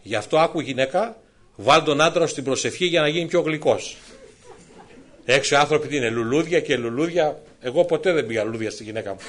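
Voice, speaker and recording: A middle-aged male preacher tells his own testimony in a sermon. His voice sits a little high and swings from quiet, hushed asides to loud, excited exclamations. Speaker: preacher giving a personal testimony.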